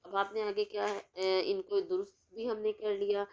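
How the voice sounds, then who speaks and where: A woman teaches a recorded lesson in a smooth, resonant voice of middling pitch. She asks the class questions, answers them herself, and draws words out slowly when she spells them. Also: level tone, darkish tone. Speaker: school teacher.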